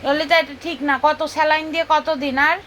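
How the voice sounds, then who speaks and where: High-voiced woman coaxing her cats. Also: level tone, fast talker, crowd noise. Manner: coaxing, teasing talk to pets. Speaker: cat caretaker vlogger. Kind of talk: casual chat to cats and camera.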